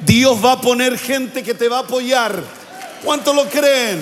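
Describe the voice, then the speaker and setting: An older male pastor preaches in a very high-pitched voice, calling on the congregation to repeat his words. His sermon rings out through a church sanctuary with a long, trailing reverb. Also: a little slow, a bit bright, some chatter behind, a little hiss or hum. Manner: preaching with call-and-response to the congregation.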